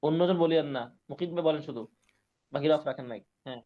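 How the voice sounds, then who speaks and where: A man teaching Quran reading in an online class, patiently spelling out syllables slowly and repeating each word. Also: on the high side, dull audio. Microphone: online class call mic.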